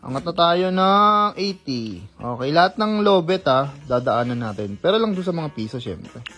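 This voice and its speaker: An online casino streamer giving casual commentary on a slot game, counting spins aloud and bursting into excited exclamations. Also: mid-range voice, normal speed, soft background music.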